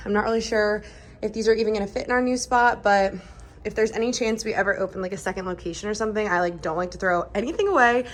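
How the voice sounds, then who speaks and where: A woman's voice: medium pitch, fairly bright tone. A woman giving a casual, chatty vlog tour indoors, informal and peppered with "like". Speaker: vlogger and boutique owner. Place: indoors in store units.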